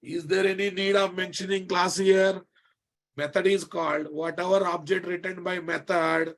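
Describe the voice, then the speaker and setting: A man's voice: sits high, level tone, moderate pace, a bit bright. A man with a Telugu Indian accent teaching a live technical class, emphatically repeating phrases and often checking that students follow. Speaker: programming instructor.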